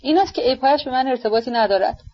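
A woman's voice: a little high, lightly acted. A woman reading the lines of a fawning, groveling older man in an audiobook, obsequious and servile. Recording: dull lo-fi audiobook recording.

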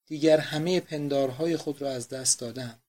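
A man's voice: mid-range voice, natural voice. Man voicing a grieving remorseful countess. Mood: grieving, pleading. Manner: pleading, despairing, quiet.

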